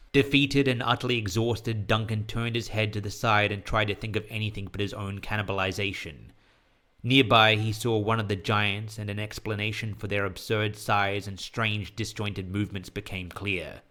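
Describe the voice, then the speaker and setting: As host and author of an audio story podcast, a man tells scripted horror fiction with measured, literary narration. The pitch is fairly low, the tone steady and a bit bright.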